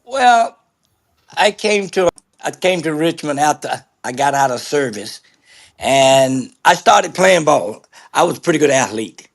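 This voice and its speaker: An older man with a gravelly, somewhat high voice recalls his years officiating. He speaks in an easygoing, halting way, circling back over his words. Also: expressive. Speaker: guest sports official. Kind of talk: casual interview chat.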